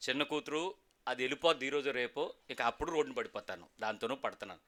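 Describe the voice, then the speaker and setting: A man preaching, voicing a troubled middle-aged man who complains of family burdens, in a low, weary voice. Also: expressive, quick pace, fairly bright tone, lightly acted. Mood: weary complaint.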